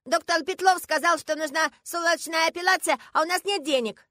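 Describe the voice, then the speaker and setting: A stubborn little girl, very high and fast. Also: bright, forceful tone, dry recording, clean studio sound. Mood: indignant. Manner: insistent, scolding like a teacher. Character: stubborn five-year-old girl, bold and indignant.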